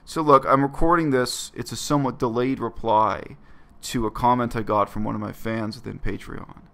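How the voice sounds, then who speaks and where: Guy in his 30s, gravelly voice, blunt and earnest, talking into a laptop cam in his bedroom. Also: mid-range voice, fairly even intonation, moderate pace, pushed and bright. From Canada. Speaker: vlogger. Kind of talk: reflective personal monologue to camera. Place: small bedroom, indoors.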